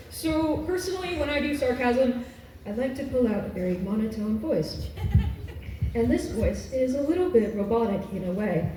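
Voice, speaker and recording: A woman's voice: on the high side, warm tone. A young woman, a college student, chatting and giggling on stage as she shows off her voices, heard in an echoey hall from far off. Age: young adult. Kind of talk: live on-stage voice act.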